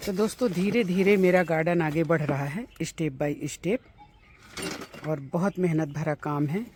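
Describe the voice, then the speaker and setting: A woman's voice: low voice, measured pace, darkish tone, a little hiss or hum. A woman gardening vlogger outdoors in her home garden in hot sun, chatting casually and explaining each step to her viewers. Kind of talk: casual how-to vlog.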